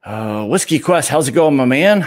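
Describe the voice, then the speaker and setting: A middle-aged man hosting a casual livestream from a home bar, talking in a relaxed, rambling way with lots of fillers. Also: mid-range voice, normal speed. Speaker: livestream host. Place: home bar room lined with bottles.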